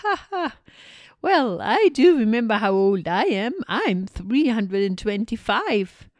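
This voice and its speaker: A woman voicing a scatterbrained, cheerful, very old female witch in a storybook reading, with high, squealing exclamations. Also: sing-song, measured pace, no room sound.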